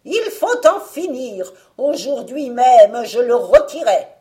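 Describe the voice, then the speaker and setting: A woman voicing a hideous, cruel old witch who eats children, with a loud, harsh, fierce voice. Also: fairly high pitch, sing-song, slow, pitched above the performer's own voice.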